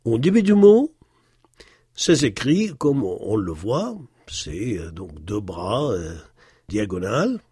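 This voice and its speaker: A man giving a recorded language lesson, explaining patiently with many hesitations and slowly repeating words to model their pronunciation. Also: fairly low pitch, sing-song, warm tone, husky, no echo, clean studio sound. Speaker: Arabic teacher.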